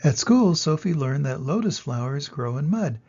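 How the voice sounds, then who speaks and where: Older guy, grandpa voice, husky and mellow, telling a kids story, slightly dull recording. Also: a little high, very animated, normal speed. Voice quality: gravelly, husky. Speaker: storybook reader. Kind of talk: children's storybook narration, read aloud.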